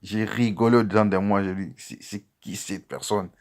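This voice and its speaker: A pastor with a rather low voice preaches a testimony. He speaks warmly to his beloved listeners and moves from loud outbursts to quiet asides. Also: fairly even intonation, brisk. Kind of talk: sermon testimony.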